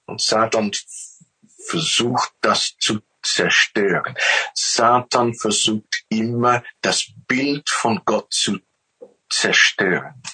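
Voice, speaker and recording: A man's voice: lowish voice, slow, bright, forceful tone, husky, poor audio. A male preacher delivering a sermon in an emphatic, storytelling way, often repeating his words.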